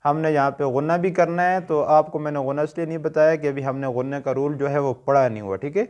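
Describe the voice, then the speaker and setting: A man's voice: a little high, fairly even intonation, fast, a little mellow. A man with a Pakistani Urdu accent teaching a tajweed lesson, patiently asking questions and answering them himself. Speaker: Quran recitation teacher.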